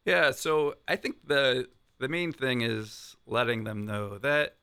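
A man speaking as a priest and guest in an unscripted conversation, thoughtful and encouraging, in halting phrases. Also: medium pitch, animated, bright, forceful tone, clean tone.

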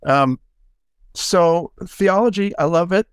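An older man, a music professor, giving a reflective, halting acceptance talk full of pauses and restarts. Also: sits high, clear, resonant tone, no echo, studio quality. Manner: halting, many fillers and restarts. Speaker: award recipient, music professor.

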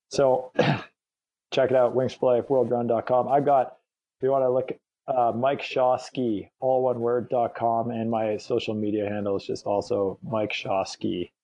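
A man's voice: on the low side, dark tone, no room sound, lo-fi sound. A man, a guest on a podcast, talking casually and enthusiastically. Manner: enthusiastic, hyping others up. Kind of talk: casual interview talk.

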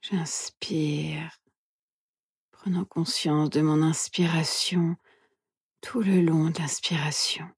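Woman's slow, soothing near-whisper guiding meditation. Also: low-pitched, steady tone, no room sound, studio quality. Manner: soothing, soft, breathy near-whisper with gentle pauses. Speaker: meditation instructor and podcast host. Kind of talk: guided mindfulness meditation.

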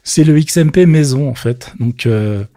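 A man's voice: medium pitch, a little slow, mellow, dry recording. A man chatting casually about tech news, slangy and loose, with many fillers and a dry, thirsty mouth. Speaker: tech commentator.

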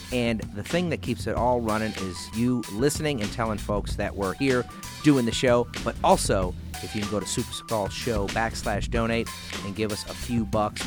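A man hosting a podcast, chatting casually and enthusiastically about comics and board games. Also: on the low side. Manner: enthusiastic, informal. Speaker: podcast host.

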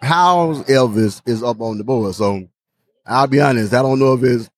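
A man's voice: medium pitch, normal speed. A man hosting a podcast in casual chat, who often repeats words and restarts phrases. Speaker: podcast host. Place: outdoor brewery event.

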